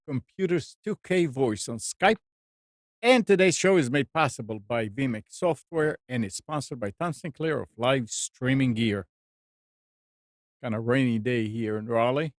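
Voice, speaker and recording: A man's voice: mid-range voice, moderate pace, no echo, studio quality. A man hosting a radio show, making announcements and introducing people. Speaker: host of a computer radio show.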